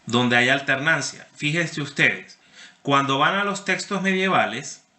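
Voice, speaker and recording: Bright-voiced man lecturing in a roomy echo. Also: on the high side, animated, a little slow. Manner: explanatory, checks understanding with frequent "¿sí?"; addresses students by name. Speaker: university lecturer. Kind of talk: online class lecture.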